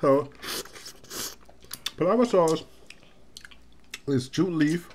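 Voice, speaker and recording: A man's voice: on the high side, animated, extremely slow, a little hiss or hum. A middle-aged man hosting a family eating video, rambling and explaining dishes to viewers. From Liberia. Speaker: cooking channel host. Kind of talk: casual family mukbang chat.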